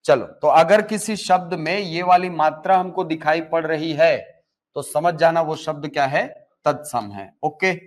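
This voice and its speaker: A man's voice: a little high, unhurried. A male Hindi teacher with a Chhattisgarhi accent, giving a live classroom lecture and explaining step by step, asking and answering his own questions.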